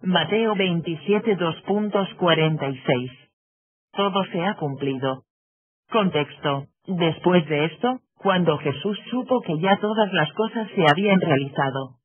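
A computer-made male voice reads scripture verses one after another, saying question marks and other symbols aloud as plain words. The tone sits somewhat high and a little husky. It comes through a narrow, phone-like band. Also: unhurried. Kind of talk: synthetic reading of Bible quotations.

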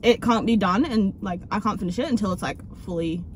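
A woman's voice: mid-range voice, fairly quick, a little hiss or hum. A young woman with an Australian accent chatting casually with a friend, rambling, restarting sentences and swearing freely. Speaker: YouTuber host. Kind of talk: casual chat. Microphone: headset.

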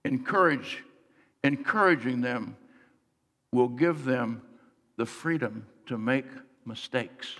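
A middle-aged man preaching a sermon as pastor, earnest, swinging between soft and emphatic delivery. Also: medium pitch, lively intonation, slow pace, pauses often. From United States. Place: large church sanctuary, on stage. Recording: long church hall reverb.

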